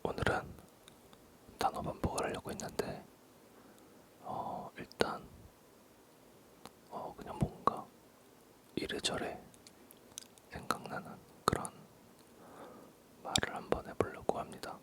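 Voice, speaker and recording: This is an ASMR creator, a man, murmuring a rambling whispered talk; his voice is low, breathy, and hardly audible, with halting delivery and gently repeated words.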